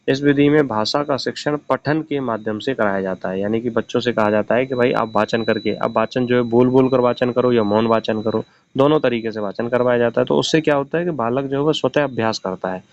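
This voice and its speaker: A man teaching an exam-prep lesson. He poses a question, answers it himself, and restates each point in simpler words. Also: medium pitch. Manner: explains each point, then asks and answers his own questions. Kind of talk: recorded classroom-style lecture. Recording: slightly dull, lo-fi audio.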